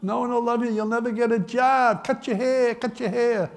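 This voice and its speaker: An old man in his eighties imitating a nagging, scolding parent in a shrill, raised voice. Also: fairly even intonation, normal speed. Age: 80s.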